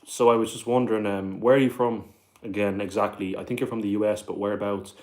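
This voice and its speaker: The Dublin-accented livestream host has a fairly low, slightly mellow voice with fairly even intonation and a quick pace. In a casual way, he reads viewer questions aloud and responds with lots of "like" and "bro."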